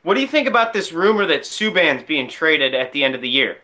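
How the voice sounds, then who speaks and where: A man with a bright, fairly high voice chats about hockey on a podcast. He sounds enthusiastic and likes a joke. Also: big pitch swings, brisk. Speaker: podcast co-host. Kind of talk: casual sports chat.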